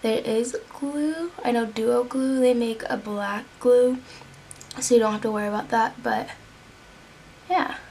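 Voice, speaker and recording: A woman's voice: a little high, fairly even intonation, unhurried, a little mellow, a little hiss or hum. A young woman talking casually through a makeup tutorial at home, chatting while she works and sometimes dropping to a whisper. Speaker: beauty vlogger.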